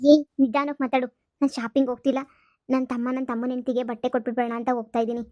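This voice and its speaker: A woman voicing a kind-hearted young woman who talks in a hushed, scolding, urgent way in a cartoon comedy. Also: high voice, little pitch movement, very fast, no echo, lo-fi sound, natural voice. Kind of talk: cartoon voice acting.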